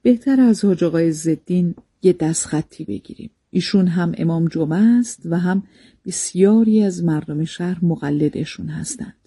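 A man reading the lines of a kindly, gently approving older cleric in a storybook, with a husky, dark voice. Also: high-pitched, no echo.

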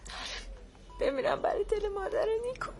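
High female voice, a grieving young nurse, quiet and tearful. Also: lively intonation.

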